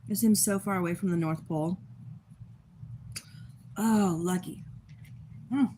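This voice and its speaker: A woman's voice: fairly low pitch, unhurried, warm tone, a little hiss or hum. Young woman from texas rambling on a livestream, just woke up, eating, laughs a lot. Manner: rambling, chatty, laughs often. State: just woken up, eating while talking. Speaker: livestream host. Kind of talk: casual livestream chat.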